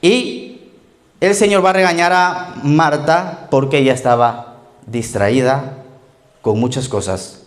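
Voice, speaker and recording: A man in his thirties preaching a relaxed, conversational sermon in a church, joking and often checking in with "ok?" and "right?". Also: a little high, takes it slowly, pauses often. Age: 30s. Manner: joking, frequent "¿ok?" and "¿verdad?" tag questions. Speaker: pastor.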